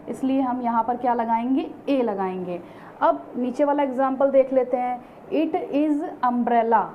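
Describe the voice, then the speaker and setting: Female teacher, high voice, patient, rhetorical questions to the class; tinny online-class audio with faint hiss. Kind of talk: online grammar lesson.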